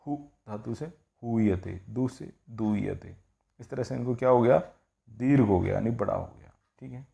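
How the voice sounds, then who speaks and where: In a gravelly, dark voice on the low side, a man teaches Sanskrit grammar at a normal pace. He walks the class through the rules step by step, often posing rhetorical questions and repeating "ठीक है", like a classroom lesson.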